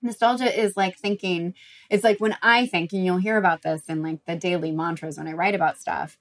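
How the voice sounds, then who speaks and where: A woman's voice: fairly low pitch, fairly even intonation, brisk. A young adult woman hosting a recovery talk, speaking casually with lots of "like" fillers and blunt swearing. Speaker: recovery podcast host. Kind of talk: casual monologue advice.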